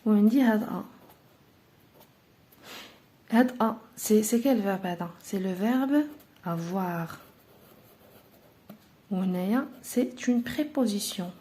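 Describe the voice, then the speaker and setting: A woman teacher with a Moroccan Arabic accent talks her class through a grammar lesson in a mellow, warm voice. She explains patiently, step by step, filling pauses as she goes. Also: mid-range voice.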